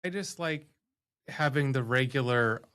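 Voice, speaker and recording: A man co-hosts a podcast and ribs the others in an easygoing, casual way. His voice is ordinary and middle-pitched. He sounds relaxed and conversational. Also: a little slow, clear, resonant tone. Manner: teasing, easygoing. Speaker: company owner, podcast co-host. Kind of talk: casual chat.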